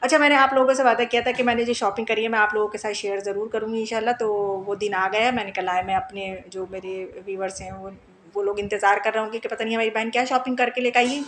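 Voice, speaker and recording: A woman's voice: fairly high pitch, fairly even intonation, fast talker, fairly bright tone, a little hiss or hum. A woman in her thirties chatting casually in a home vlog, talkative and laughing often. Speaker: home vlogger.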